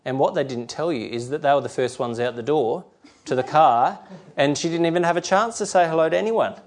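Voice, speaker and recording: A man's voice: a little high, brisk. A middle-aged man preaching a sermon in a rambling, conversational way, often restarting and acting out quotes.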